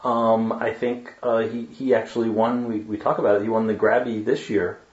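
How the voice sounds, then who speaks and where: A male podcast co-host on a video call who sounds like he is inside a tin can, talking casually in a halting way with many fillers and restarts. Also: on the low side, little pitch movement, darkish tone. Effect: sounds like he is inside a tin can over a video call. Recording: boxy, echoey, dull video-call audio.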